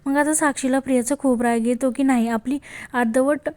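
A woman's voice: high-pitched, steady tone, fairly quick, darkish tone. A woman retelling a TV serial episode as a voice-over, quoting each character's lines in her own voice. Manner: storytelling, quotes each character's lines in the same voice. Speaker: narrator of a TV serial recap.

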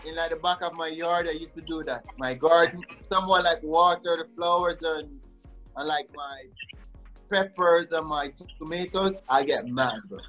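Playful man, higher-pitched. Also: moderate pace, a bit bright, soft background music. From Jamaica. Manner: playful, teasing, says "bro" often. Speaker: professional soccer forward. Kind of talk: casual video-call chat.

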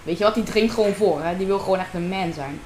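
A woman's voice: on the low side, quick pace, darkish tone. Female gamer, casual running commentary into a desk mic; echoey home room with faint noise. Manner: chatty, talks to herself and viewers while playing. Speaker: gamer narrating her own gameplay. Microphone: desk microphone.

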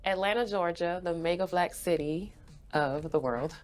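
This young Haitian-born woman, raised in Florida, is a brand ambassador being interviewed in an indoor studio, replying in a bubbly manner with plenty of laughter. Her pitch is fairly low, her tone darkish, and her speed normal.

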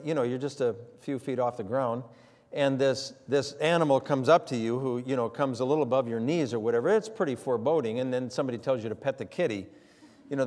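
An older man, preaching a sermon in a folksy storytelling way. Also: mid-range voice. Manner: folksy storytelling with many fillers. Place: church sanctuary. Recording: long hall reverb in a church.

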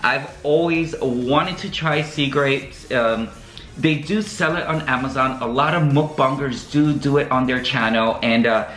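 A man's voice: mid-range voice, measured pace, fairly bright tone. A man hosting a casual vlog, chatty and joking, with many ums as he talks to his viewers. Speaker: vlogger host. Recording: echoey room with faint music.

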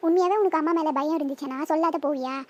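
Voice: high-pitched, racing, natural voice. A voice actor playing a village mother in a cartoon, lecturing her children at length. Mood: scolding. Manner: scolding, lecturing. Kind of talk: cartoon voice acting.

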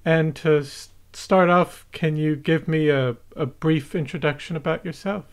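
Hosting a local podcast, this man opens with a scripted introduction full of formal, elaborate wording, then poses his interview questions. His fairly high voice is smooth and steady in tone, and he speaks at a measured pace.

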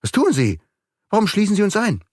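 A man's voice: medium pitch, sing-song, measured pace, creaky, breathy edge, no room sound, clean studio sound, pitched above the performer's own voice, exaggerated voice. A man voicing a thoughtful, earnest young male amateur detective in an audiobook. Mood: alarmed.

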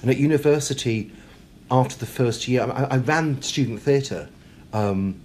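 A British man talks as a guest in a casual interview, his mid-range voice unhurried and somewhat dark. He's talkative and self-deprecating, hesitating and repeating words, with clear background noise and room ambience in the recording.

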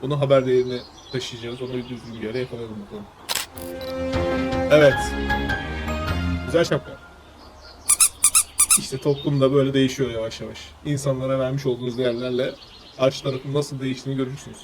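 A man streaming a game, commenting casually with wry asides that turn loud and excited. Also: medium pitch, a little fast, pauses often. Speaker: gameplay streamer. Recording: game music playing behind.

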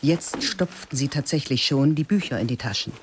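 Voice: medium pitch, normal speed, heavy background noise. Eine Erzählstimme trägt in ruhigem, literarischem Ton einen Hörspieltext vor. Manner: even, literary storytelling. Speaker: narrator. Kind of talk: scripted radio drama narration. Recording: narration over music.

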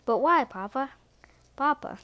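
A sweet, curious little kitten boy from a storybook who keeps asking innocent questions, played by a woman reading aloud. His voice sits high and his pace is unhurried. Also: expressive, bright, forceful tone, heavily acted.

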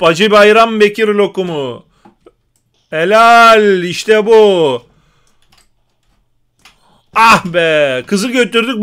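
Young male gamer, high smooth voice, rowdy joking play-by-play. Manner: excitable, joking, shouts exclamations while playing. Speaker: gaming YouTuber. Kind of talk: live gameplay commentary.

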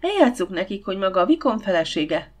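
A woman's voice: mid-range voice, very animated. Blunt grumbly old housekeeper, woman reading her, bossy and outspoken, audiobook. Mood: grumbling.

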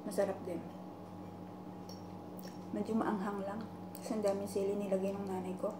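A woman's voice: medium pitch, level tone, normal speed. A woman vlogger chatting casually while chewing her food during a meal. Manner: chatty, giving shoutouts between bites. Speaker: mukbang vlogger. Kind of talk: casual chat while eating. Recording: echoey room with clear noise.

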